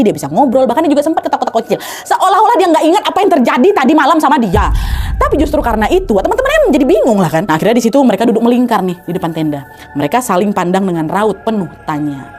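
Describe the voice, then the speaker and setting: A young woman telling a horror story in a casual, chatty way, talking straight to her listeners and raising her voice for dramatic moments. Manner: animated, swings pitch for dramatic quotes; addresses listeners directly, chatty.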